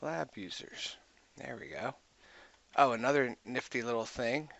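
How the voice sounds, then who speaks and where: A man's voice: medium pitch, measured pace, vocal fry, a bit bright, highs cut off. A man giving a casual screen-recorded tech walkthrough, thinking aloud and muttering to himself as he clicks. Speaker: IT tutorial host.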